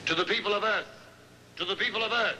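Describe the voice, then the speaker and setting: A man's voice: sits high, fast, pushed and bright. A man voicing an alien overlord in a dubbed monster film, making formal, menacing proclamations. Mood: cold, threatening. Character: male alien overlord issuing an ultimatum to Earth. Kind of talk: dubbed science-fiction monster film acting. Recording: very noisy old film soundtrack.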